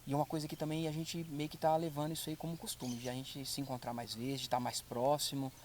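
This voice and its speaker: Fast-talking earnest man. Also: medium pitch, flat delivery, darkish tone, slight background noise. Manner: earnest, quick, repeats points for emphasis. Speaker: guest. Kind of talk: casual chat.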